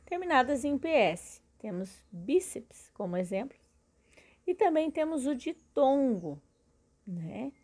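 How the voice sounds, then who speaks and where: Woman, teacher, fairly high voice, patient, syllable-by-syllable explaining, recorded lesson. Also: very animated, takes it slowly, darkish tone.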